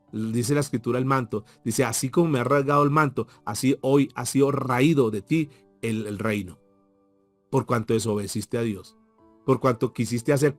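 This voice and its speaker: A male pastor preaching an evening sermon in church, rising in emphasis and then dropping to soft asides to his congregation. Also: mid-range voice, no room sound.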